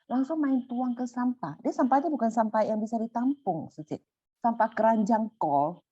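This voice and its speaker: A middle-aged woman telling a personal story in a casual, animated way, going high when excited and soft when calm. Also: moderate pace, breathy edge, no room sound. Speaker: volunteer sharing a personal story. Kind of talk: casual storytelling in a sharing session. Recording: muffled dry sound.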